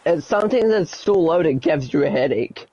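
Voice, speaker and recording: A man's voice: fairly high pitch, lively intonation, moderate pace, warm tone. A man chatting casually, rambling with lots of "like", over dull lo-fi call audio. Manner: rambling, full of "like". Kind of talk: casual chat.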